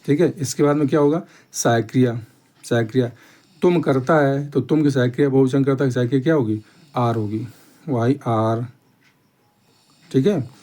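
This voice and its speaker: A man with a warm, medium-pitched voice leads a grammar lesson one step at a time. His explanation is slow and repetitive, punctuated by frequent "theek hai" checks with his students.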